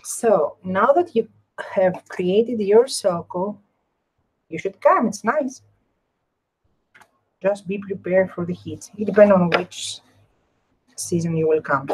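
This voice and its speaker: A woman's voice: medium pitch, slow, pauses often, a little hiss or hum, rough recording. A woman with a Greek accent hosting a casual live craft demonstration, repeating and rephrasing herself as she explains and chats. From Greece. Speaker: craft tutorial host.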